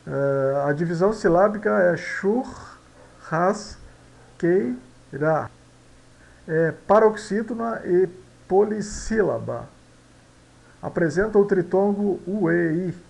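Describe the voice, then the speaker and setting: Gravelly man teaching grammar. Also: on the high side, low-quality recording. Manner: explanatory, frequent tag questions, slow and repetitive. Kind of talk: explaining Portuguese phonology exercises.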